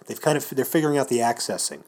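A man co-hosting a podcast in animated casual chat, jumping in often, recorded in an echoey office. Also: mid-range voice, very fast. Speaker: podcast co-host. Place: office, indoors.

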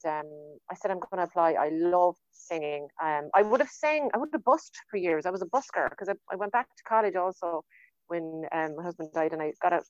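Middle-aged woman, West of Ireland accent, casual rambling chat, slightly low pitch, dull dry call audio. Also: no room sound. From County Galway, Ireland. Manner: chatty, rambling with repeated words. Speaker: guest singer on a podcast. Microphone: remote phone or computer call.

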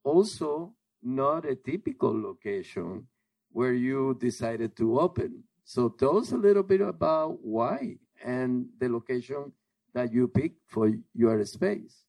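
A man's voice: mid-range voice, animated, slow, gravelly, a little mellow, no echo, poor audio. A man from Miami co-hosting a casual interview, chatting enthusiastically before asking his question. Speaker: co-host.

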